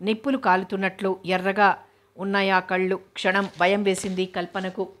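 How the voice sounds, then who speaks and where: A woman reading a novel aloud, narrating in a steady, even way. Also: medium pitch, moderate pace. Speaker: novel reader.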